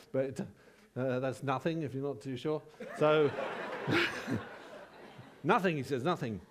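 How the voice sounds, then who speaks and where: Over a noisy background, a medium-pitched man preaches a sermon conversationally and at ease. He stops often and tells personal stories, poking gentle fun at himself.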